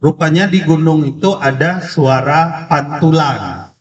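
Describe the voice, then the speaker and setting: A male preacher with a cold giving a religious lecture with a story, speaking slowly and deliberately, heard through a distant, echoey, dull PA sound. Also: a little high, a little hiss or hum. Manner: slow, deliberate delivery. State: has a cold. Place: community religious event.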